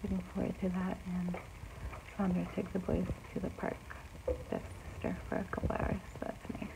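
Very creaky, halting woman, noisy recording. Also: on the low side, monotone. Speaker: vlogger. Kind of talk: casual home video diary. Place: bedroom at home. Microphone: phone at arm's length. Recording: noisy amateur home phone recording.

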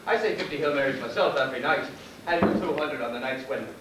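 A man's voice: medium pitch, fast, natural voice. An actor playing a nervous, groveling Irish convict hangman who rambles on and calls everyone sir, in a live stage play. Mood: pleading. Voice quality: wheedling, deferential, endlessly says sir. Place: theater stage. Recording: echoey theater, mic far off, faint hiss.

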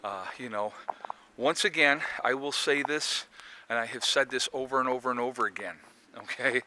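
A man's voice: mid-range voice, sharp tone, slight background noise. A man in his forties vlogging outdoors on a snowy rural property, talking earnestly and rambling to viewers he calls folks, into a phone held at arm's length while he walks. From United States. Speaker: prepping vlogger. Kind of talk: casual vlog monologue. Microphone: phone camera held at arm's length while walking.

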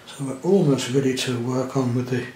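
Gentle man teaching watercolour. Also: medium pitch, normal speed, echoey room, background noise. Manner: gentle, chatty, thinking aloud while painting. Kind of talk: painting demonstration narration. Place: indoor studio at the easel.

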